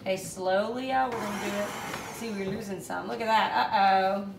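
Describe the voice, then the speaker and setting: In an echoey home kitchen or dining room with clear background noise, a mother in her thirties casually leads young kids through steps. She keeps checking in with encouraging questions. Her medium-pitched voice is fairly even and moves at a normal speed.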